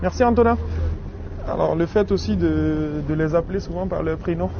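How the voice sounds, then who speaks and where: A man's voice: a little high, normal speed, gravelly. A man with an accent and rolled r's, a train conductor making playful, jokey announcements and chatting with passengers. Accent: French-speaking accent with rolled r. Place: aboard a moving train. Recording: noisy train carriage, muffled sound.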